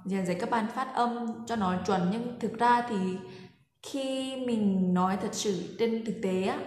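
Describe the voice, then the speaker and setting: A woman's voice: on the high side, a little slow, a little mellow, slight background noise. A woman language teacher giving a pronunciation lesson, patiently saying each example syllable three times for learners to repeat. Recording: echoey room with long reverb.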